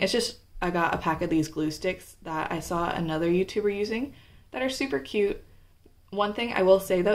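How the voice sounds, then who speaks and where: A young woman from Canada chatting casually through a stationery haul, with frequent filler words. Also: lowish voice. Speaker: stationery vlogger. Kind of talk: casual show-and-tell.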